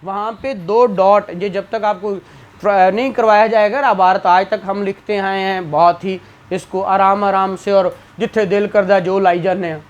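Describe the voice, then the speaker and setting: A man's voice: high-pitched, fairly even intonation, moderate pace, lo-fi sound. A man giving a classroom lecture as a law exam tutor, asking questions and answering them himself.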